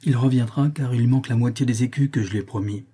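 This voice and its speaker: A man voicing a slow, soft-spoken father. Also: mid-range voice, breathy edge, natural voice. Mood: calm. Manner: slow, detached words, never raises voice. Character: soft-spoken, deliberate middle-aged father.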